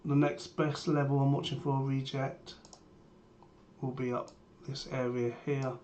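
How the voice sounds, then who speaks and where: Unhurried and medium-pitched, a man with a sore, strained throat shares his premarket trading plan in plain, matter-of-fact live commentary. He's clearly unwell. Keyboard typing and a steady background noise run underneath.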